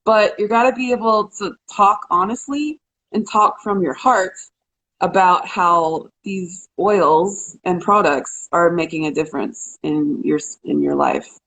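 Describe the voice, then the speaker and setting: A woman co-hosting a casual live chat, talking quickly and loosely, laughing often and restarting her sentences. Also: on the low side, fairly bright tone, rough recording. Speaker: co-host.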